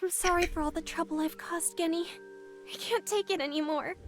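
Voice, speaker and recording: A woman voicing a gentle, remorseful young woman in a game, soft and sorrowful as she speaks. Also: very high-pitched, steady tone, brisk. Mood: sorrowful, resigned. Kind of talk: scripted game acting. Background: music.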